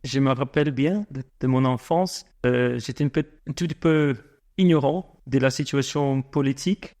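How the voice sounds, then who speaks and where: A guest entrepreneur in his forties, raised in South Africa, answers interview questions in French, which is not his first language. He speaks slowly, often stopping to restart and filling gaps with hesitations. His voice is mid-range and slightly mellow.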